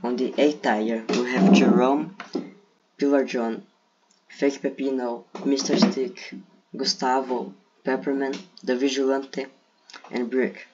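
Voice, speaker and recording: A Brazilian man, first language Portuguese, talks in English through a casual tier list of game characters, his accent clearly Brazilian Portuguese. His delivery is flat and slow at a medium pitch, and he hesitates with fillers while reasoning aloud. Background noise and a dull lo-fi mic mark the recording from this gaming video creator.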